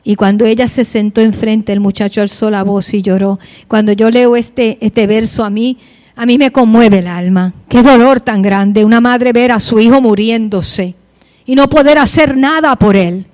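High-voiced woman preaching a sermon. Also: normal speed, a little mellow. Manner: reads scripture then preaches with rising passion.

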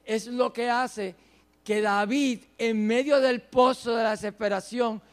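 A man preaching a sermon, swinging between soft, low phrases and loud, drawn-out emphasis. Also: fairly even intonation, clear, resonant tone.

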